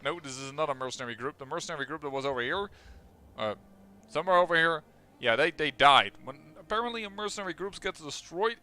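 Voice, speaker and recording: With a Dutch accent and a voice that's a little high, this young let's play host from the Netherlands casually narrates his strategy game run, talking fast and eagerly and frequently starting his sentences over.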